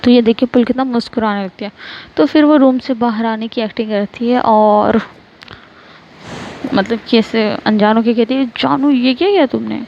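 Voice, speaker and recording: A woman's voice: on the high side, steady tone, normal speed, lo-fi sound, a little hiss or hum. A woman casually narrating a family story, loose and chatty with fillers.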